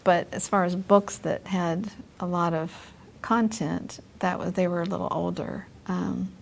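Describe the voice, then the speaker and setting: A woman's voice: lowish voice, fairly even intonation, unhurried, vocal fry, a little hiss or hum. A middle-aged woman in a casual chat as an interview guest, recounting her experiences informally and a little tentatively.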